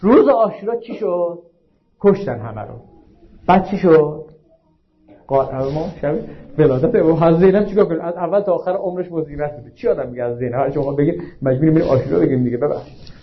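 A male preacher giving a religious sermon, asking the audience frequent rhetorical questions and slowing down to stress quoted lines. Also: on the high side, slight background noise. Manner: slows down to recite and stress quotations. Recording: dull lo-fi recording.

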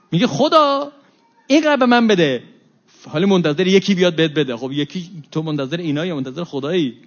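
Animated high-voiced man preaching, lo-fi. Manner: animated, acts out quoted exchanges with rises and drops in voice. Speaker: religious lecturer. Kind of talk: religious talk to an audience. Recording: dull lo-fi recording.

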